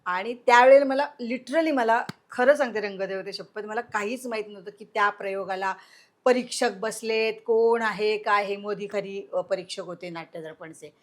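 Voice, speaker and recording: A middle-aged woman telling a story in an interview, acting out quoted voices and swinging between loud and hushed. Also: medium pitch, moderate pace.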